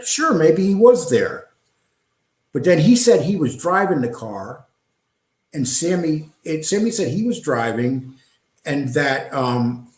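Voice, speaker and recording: A middle-aged man talks loosely through a live stream, drifting between topics and filling pauses with ums. His voice sits a little high for a man. The room around him is echoey and hollow. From New York. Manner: talkative, digressive, frequent ums and uhs. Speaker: host reading live chat. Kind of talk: casual live-stream chat.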